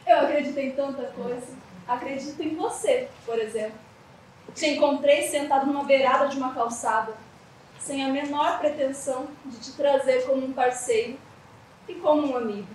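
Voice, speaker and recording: A woman's voice: high voice, moderate pace, darkish tone, distant mic, close to an everyday voice. A young woman with a Brazilian accent playing a poised, persuasive artist in a stage play. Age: young adult. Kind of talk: theatrical stage dialogue. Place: indoor theatre stage. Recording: echoey theatre with faint noise.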